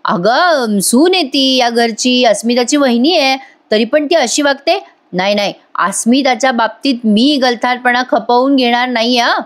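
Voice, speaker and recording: A sly middle-aged husband who likes to tease his wife, voiced by a woman reading his lines aloud. The delivery stays close to a plain retelling, with a fairly high voice. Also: unhurried, natural voice. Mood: teasing.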